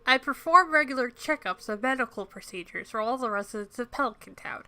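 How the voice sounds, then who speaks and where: A polite, nerdy small-town doctor with a pinched, nasal tone, as a woman puts him on while holding her nose. He speaks formally, in a bright, clear voice a little higher than hers. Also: animated, brisk.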